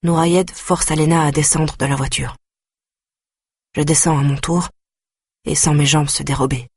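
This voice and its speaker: A man reads a first-person audiobook in a grave, quietly intense manner. His voice is husky and breathy, and the recording is dry and close. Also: fairly high pitch, flat delivery, moderate pace, no echo. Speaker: audiobook narrator.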